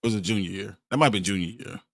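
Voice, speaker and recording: A man's voice: lowish voice, racing, vocal fry, a bit bright, no room sound, studio quality. A young man co-hosting a live pop-culture show, easygoing and enthusiastic. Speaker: co-host of live nerd news show. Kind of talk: casual chat.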